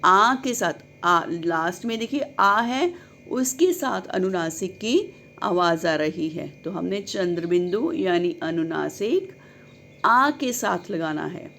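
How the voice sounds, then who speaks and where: Slow-spoken woman teaching children. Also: lowish voice, expressive, vocal fry, bright, forceful tone, slight background noise. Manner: drawn-out syllable-by-syllable word reading; addresses children kindly, asks and answers own questions. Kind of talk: children's Hindi lesson.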